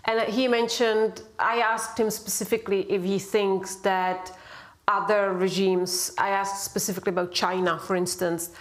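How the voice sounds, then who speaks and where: A woman journalist hosts a public panel debate, thinking aloud as she goes. Her delivery is halting and full of fillers, and her pitch stays flat and even. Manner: reflective, halting, many fillers.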